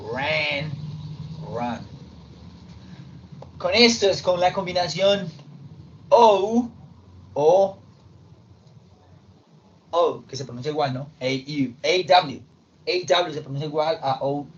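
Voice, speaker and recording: A man teaching English verb forms, explaining slowly and step by step in Spanish with English examples. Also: on the high side. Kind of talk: recorded classroom lesson. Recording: dull lo-fi sound with faint background noise.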